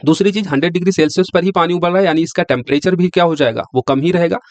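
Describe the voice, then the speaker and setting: A man's voice: fairly high pitch, racing, dry recording. A male teacher giving an exam-prep science lecture who keeps asking the class questions and answering them himself. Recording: dry, slightly dull lo-fi sound.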